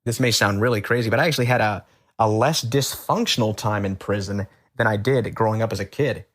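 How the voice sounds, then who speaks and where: A man from the Boston area, a guest on an interview show, telling his own story in a relaxed, rambling way with many fillers and restarts. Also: fairly low pitch, a little fast. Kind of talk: casual storytelling.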